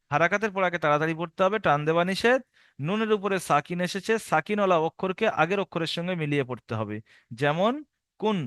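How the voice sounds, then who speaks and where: A man teaching a recorded Quran reading lesson for adults, slowly drawing out each spelled syllable, then explaining at a steady pace. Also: high-pitched, smooth, no room sound, studio quality. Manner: slow drawn-out syllable-by-syllable spelling drills alternating with steady explanation.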